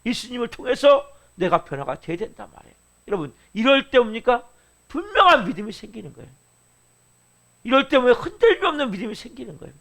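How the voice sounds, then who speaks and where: A man's voice: very high-pitched, very animated, quick pace, gravelly, fairly bright tone. A middle-aged man preaching a dawn service sermon, emphatic and full of rhetorical questions to the congregation. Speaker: pastor.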